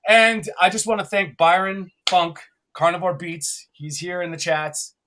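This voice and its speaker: A man's voice: high voice, fairly even intonation, a little slow, a bit bright, a little hiss or hum. A man from Canada co-hosting a live podcast, chatty and upbeat, often laughing as he rambles. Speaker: podcast co-host.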